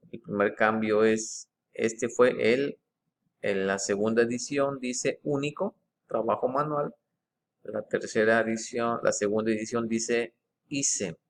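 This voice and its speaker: A man slowly walks through a text line by line, stopping to reread passages and point out small wording changes. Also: medium pitch, fairly bright tone. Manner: slow, methodical, stops to reread passages. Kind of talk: screen-share walkthrough.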